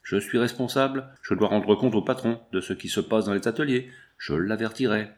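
A man voicing a stern, rough factory foreman. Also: lowish voice, brisk, natural voice. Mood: reproachful. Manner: curt, stern.

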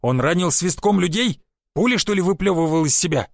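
Brief: bossy secret police chief, loud and scolding, a gravelly, raised voice, played by a male reader. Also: high voice, lively intonation, a little fast, no echo, studio quality, pitched above the performer's own voice. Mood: furious. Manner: shouting, cursing, scolding. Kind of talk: audiobook character voice.

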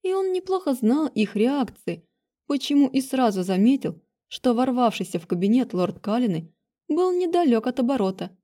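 A woman reading a fantasy audiobook aloud with expressive narration. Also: fairly high pitch, moderate pace.

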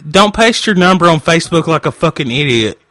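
Man with a deep pitch-shifted voice changer. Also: lively intonation, brisk, pushed and bright, no echo. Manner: brash, crude, bro-talk, pushy. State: drunk. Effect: voice changer pitching his voice deeper. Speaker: prank caller, radio show host. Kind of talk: prank phone call.

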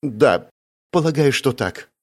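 A man's voice: mid-range voice, expressive, takes it slowly, slightly rough, voice pushed up. A man doing a tearful, frightened young woman. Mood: pleading. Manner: pleading, breathless swearing.

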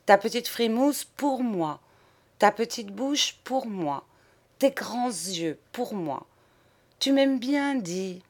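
A woman's voice: a little high, animated, slow pace, exaggerated voice. A woman voicing a doting cook in her forties who pleads in a plaintive tone. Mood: pleading.

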